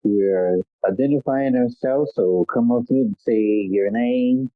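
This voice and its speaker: The host of this easygoing call-in show is a man with a mid-range voice who speaks a little slowly and rambles, dropping lots of "um"s. He is congested and a bit nasal, and the dry audio comes through a tinny phone or conference-call line.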